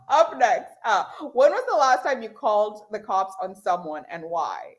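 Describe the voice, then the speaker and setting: A woman's voice: medium pitch, very animated, a little slow. A woman hosting a comedy podcast, chatting casually and joking with a guest. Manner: joking, tangents, frequent laughs. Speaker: podcast host.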